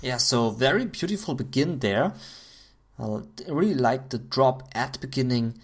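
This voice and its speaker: A man's voice: mid-range voice, moderate pace, breathy edge. Man casting a video game match. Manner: excited bursts at big plays. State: voice going hoarse. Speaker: esports caster. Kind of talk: solo game commentary.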